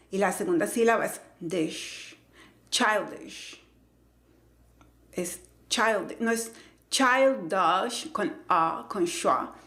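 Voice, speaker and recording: A woman who teaches English pronunciation, explaining slowly and carefully and repeating each example word. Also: medium pitch, reverberant. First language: Spanish.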